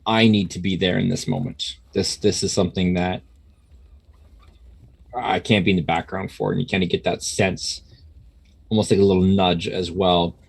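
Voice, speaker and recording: A man narrating a tabletop game as game master in a casual, halting, conversational way. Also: low-pitched, little pitch movement, vocal fry, slightly rough.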